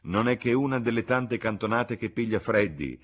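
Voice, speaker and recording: A man voicing a poised young woman who speaks in a measured, subdued and slightly tart way. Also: on the low side, expressive, slightly rough, voice pushed up.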